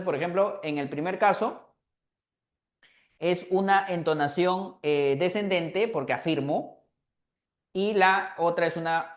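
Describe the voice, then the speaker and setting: A man teaching an online language review class, often checking in with students and filling pauses with "eh". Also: fairly high pitch, echoey room. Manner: asks students questions, fills with "eh" and "¿ya?".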